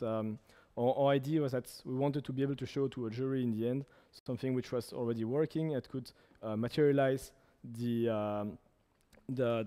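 Halting young man presenting in a reverberant hall. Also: mid-range voice, warm tone. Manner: halting, frequent uh fillers. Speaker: startup presenter. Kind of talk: meetup presentation.

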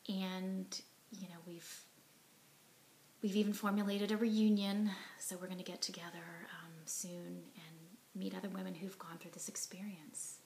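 Sitting indoors in her living room, a woman in her forties who survived a heart attack gives personal testimony to a camera held close at arm's length. She speaks unhurriedly in a lowish voice with little pitch movement, earnest, reflective, often soft and breathy, and full of ums and you knows, with a little hiss or hum in the background.

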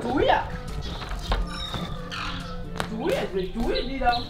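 A man loudly scolding a younger relative in a heated family argument outdoors. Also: extremely high pitch, very animated, a little slow. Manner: loud, scolding, blunt. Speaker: relative and prank target. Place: outdoor courtyard. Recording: echoey yard, far from the mic, music behind.

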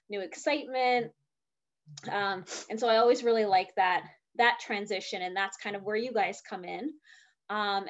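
A young woman admissions officer speaking on a video call, a little out of breath, chatty and full of fillers. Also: on the high side. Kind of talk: virtual info session talk. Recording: dull lo-fi video call audio.

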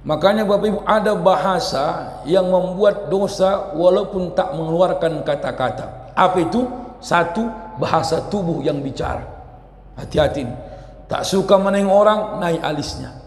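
A man preaching a lively sermon, loud and forceful, dropping into quiet asides and teasing the audience with questions. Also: high-pitched, normal speed. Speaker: Islamic preacher. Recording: echoey hall reverb.

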